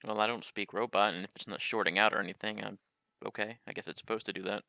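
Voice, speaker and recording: A male player in a casual tabletop game who rattles off his ideas quickly and a bit tentatively. His voice is lowish, bright and gravelly. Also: fairly even intonation. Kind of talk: casual tabletop role-play.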